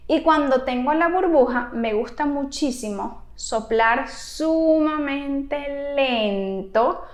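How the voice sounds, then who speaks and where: In an advice video for parents, a high-voiced woman explains things the way a therapist would. She takes her time and speaks with animated emphasis, and the echoey, roomy space noticeably surrounds her voice.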